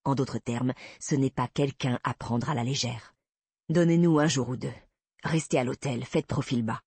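A narrator voicing a protective male police investigator, speaking calmly and firmly in a lowered voice. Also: normal speed, vocal fry, husky, dry recording.

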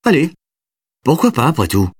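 A weary father who speaks firmly, a touch exasperated, his husky voice only a little raised as the narrator plays him. It is an audiobook voice, close and dry. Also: medium pitch, wildly swooping pitch, moderate pace, dry recording, distant mic, voice pushed up, full character voice. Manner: firm, a bit exasperated. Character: weary single father, stern but tender.

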